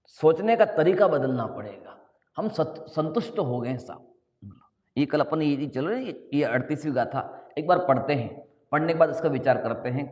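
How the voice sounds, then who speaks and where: A man teaching scripture in a sermon, questioning his listeners and slowly chanting verses. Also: mid-range voice, darkish tone. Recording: echoey hall, long reverb.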